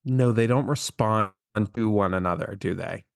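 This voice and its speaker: A man's voice: on the low side, moderate pace, vocal fry, dry recording. A man co-hosting a chatty podcast, dry and wry, rambling his way through his points. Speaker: podcast co-host. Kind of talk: casual chat.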